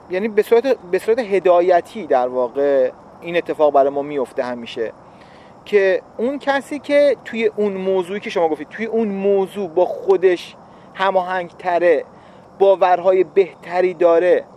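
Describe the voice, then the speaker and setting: A man with a notably high voice talks casually to viewers about his relationship. He explains himself patiently and repeats key points. A faint outdoor hum sits under the voice. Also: darkish tone. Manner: reflective, explanatory, repeats for emphasis. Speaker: husband explaining relationship advice.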